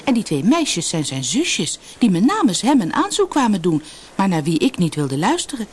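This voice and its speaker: A woman voicing a proud, beautiful young island woman in an expressive storybook reading. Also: mid-range voice, normal speed, breathy edge, pitched above the performer's own voice. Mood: remorseful. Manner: haughty, then pleading and desperate.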